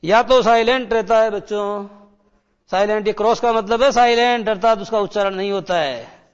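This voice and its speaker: A male teacher giving a classroom lecture, repeating key words, quizzing the children and slowing down to read English lines. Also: high voice, clean tone. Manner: slows right down when reading English lines. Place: broadcast studio. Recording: dull sound with long hall reverb.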